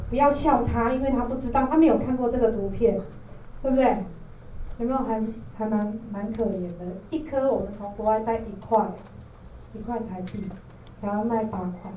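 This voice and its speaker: A distant, echoey recording carries a woman presenter with a Taiwanese Mandarin accent. She explains in an informal lecture style and often checks that listeners follow. The sound is slightly dull. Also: fairly high pitch. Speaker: product trainer, presenter. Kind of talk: informal training lecture to a group. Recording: roomy echo, distant mic, dull, faint noise.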